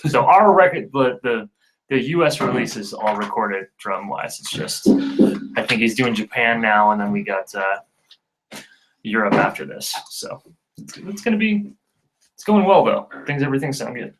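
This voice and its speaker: A man from a band hosts a casual livestream from a recording studio, laughing a lot and restarting his sentences as he rambles. His voice sits at an ordinary pitch for a man. A steady background noise runs under the whole recording. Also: normal speed. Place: recording studio with drums being tracked.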